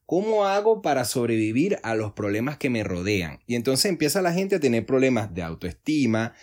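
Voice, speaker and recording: A man's voice: medium pitch, sing-song, normal speed, darkish tone. A man, hosting a solo podcast, explaining earnestly and acting out little dialogues in changing voices. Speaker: podcast host.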